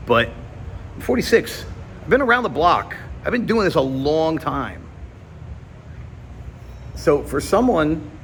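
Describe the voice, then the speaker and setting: A man in his forties speaks to his audience in a candid personal vlog monologue, his voice sitting in a middle register. He sounds earnest and confiding, pushing hard on some points and dropping low and quiet on others. A faint air conditioning hum runs underneath. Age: 40s. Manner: earnest, confiding, swings from emphatic to subdued. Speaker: YouTuber. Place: indoor gym.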